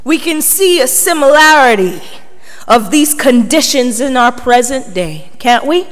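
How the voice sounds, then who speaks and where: A woman with a high, lively voice preaches unhurriedly to her congregation, emphatic and full of rhetorical questions that prompt her listeners. She's in a large reverberant hall, and the recording echoes with long reverb.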